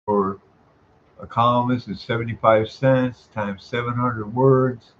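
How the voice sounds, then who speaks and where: With a steady, medium-pitched voice and measured pacing, an older tenant makes an informal call to air his grievances. He presses his points emphatically, sounding wronged and repeating himself, over dull, low-fidelity audio with noise in the background.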